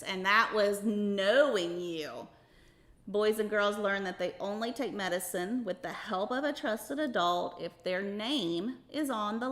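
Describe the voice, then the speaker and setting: A woman's voice: mid-range voice, fairly bright tone. A woman hosting a children's show, teaching in a sing-song, encouraging way as she talks to kids and a puppet. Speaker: kids' show host.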